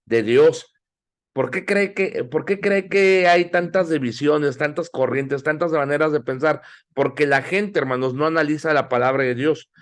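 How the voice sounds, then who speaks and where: Middle-aged male preacher-teacher, slightly high voice, urges and questions his class. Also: moderate pace. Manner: exhorting, asks the audience questions. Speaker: Bible institute teacher. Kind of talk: sermon-style Bible class.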